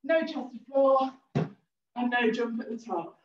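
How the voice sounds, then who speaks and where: A woman's voice: a little high, takes it slowly, a little hiss or hum. A woman leading a cardio class, giving upbeat cues and countdowns while out of breath. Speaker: fitness instructor. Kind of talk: workout instruction with countdowns. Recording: roomy, distant and a bit dull.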